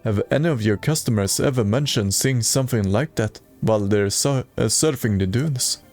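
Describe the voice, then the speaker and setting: A man's voice: medium pitch, moderate pace, darkish tone, faint music behind. A man streaming a video game and reading its dialogue aloud in a plain way, with occasional stumbles.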